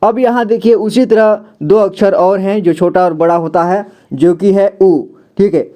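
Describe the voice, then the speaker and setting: A man's voice: sits high, steady tone, mellow. A man teaching a beginner's alphabet lesson. He explains each letter and picture patiently and often checks back with the listener. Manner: patient, repeats "theek hai" often, drawn-out sounds. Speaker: Hindi teacher.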